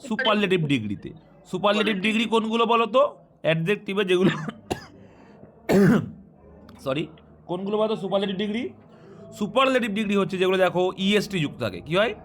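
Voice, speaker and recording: A man. He explains each rule patiently, then checks understanding with quick questions to the class. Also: high-pitched, expressive, a bit bright. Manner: explains step by step and quizzes students. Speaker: teacher. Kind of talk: grammar lesson.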